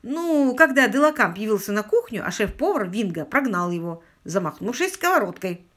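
A woman's voice: medium pitch, sing-song, moderate pace, fairly bright tone. A woman reading the lines of an eager young male kitchen worker in an audiobook, earnest and a little hesitant.

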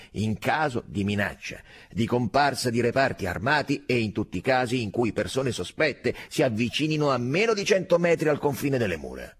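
A man voicing a calm, dutiful army sergeant who speaks evenly and slowly. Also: lowish voice, breathy edge, voice pushed up. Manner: even, slow, dutiful, matter-of-fact. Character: calm older male army sergeant, by-the-book.

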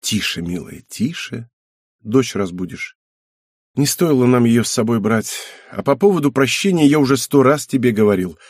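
A male narrator plays a calm, wry family man who teases his wife and soothes her. The voice is husky and close, recorded dry like a storybook reading. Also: mid-range voice, fairly quick, few pauses, no room sound, lightly acted. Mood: soothing. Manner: relaxed, mildly teasing. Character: calm, wry middle-aged husband and father.

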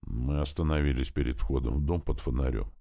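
Low-voiced male audiobook narrator. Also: brisk, vocal fry. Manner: steady storytelling, first person. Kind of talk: scripted narration.

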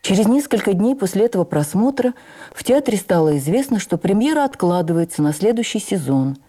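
An actress reads a memoir for radio in a mid-range voice. Her storytelling is measured, expressive, and theatrical.

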